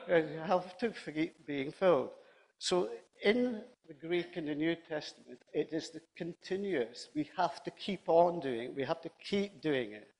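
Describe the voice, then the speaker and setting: Man, preacher, sermon, conversational, repeats himself, high voice, slow pace. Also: rough recording.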